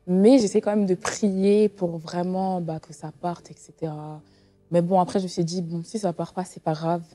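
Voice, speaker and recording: A young woman in her twenties tells her story haltingly, pausing and restarting often. Her voice is low-pitched and very dark. She is recorded close and dry, with faint music underneath. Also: steady tone, no room sound. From Portugal. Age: 20s. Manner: hesitant, many fillers and restarts. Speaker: guest sharing testimony. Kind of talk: casual testimony interview.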